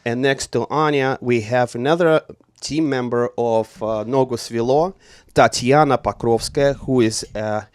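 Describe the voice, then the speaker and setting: A man's voice: medium pitch, measured pace, clean tone, no echo. A man hosting a live radio show from a small studio, introducing guests formally with many hesitations. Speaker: radio host.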